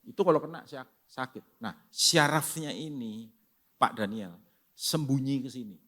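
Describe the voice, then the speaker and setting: A male pastor preaching a sermon in a church, telling stories in an animated way and often turning to the congregation. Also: mid-range voice, a little slow. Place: church sanctuary.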